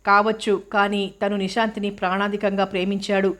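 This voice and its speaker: A woman's voice: medium pitch, little pitch movement, brisk, fairly bright tone, natural voice. A woman reading the part of a stern male public prosecutor who questions with pointed sarcasm. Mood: probing.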